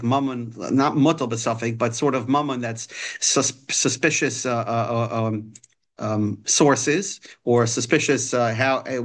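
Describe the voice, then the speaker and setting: A man gives an informal religious lesson, reading a text and explaining it, often hesitating and repeating phrases. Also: medium pitch. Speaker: religious teacher.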